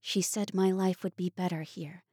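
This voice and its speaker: A woman's voice: on the low side, fairly even intonation, normal speed, dark tone, slightly rough, no echo, studio quality, pitched above the performer's own voice. A woman voicing a proud, earnest young woman who speaks wistfully.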